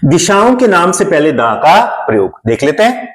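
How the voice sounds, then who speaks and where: A man's voice: fairly high pitch, very animated, normal speed, rough recording. A man from India teaching English grammar in a classroom-style lesson, explaining step by step and repeating terms in Hindi and English.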